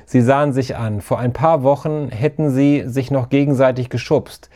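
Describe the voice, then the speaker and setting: A man reading a children's story aloud, steady and lively. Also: medium pitch, moderate pace. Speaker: narrator. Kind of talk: storybook narration.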